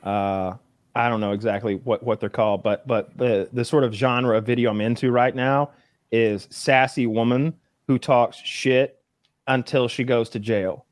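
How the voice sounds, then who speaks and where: A man in casual chat, telling stories in an animated, profane way. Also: mid-range voice, normal speed, no room sound, clean studio sound.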